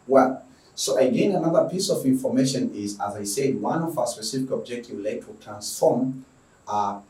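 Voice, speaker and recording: A man's voice: mid-range voice, expressive, moderate pace, darkish tone, recorded from a distance. A man from Tanzania giving a spoken introduction to his online school lessons, often restarting and repeating words as he goes. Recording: roomy sound, voice away from the mic.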